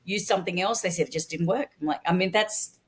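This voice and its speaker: Chatty woman guest, lowish voice. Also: fast talker, a little hiss or hum. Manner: chatty, restarts and searches for words. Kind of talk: casual interview chat.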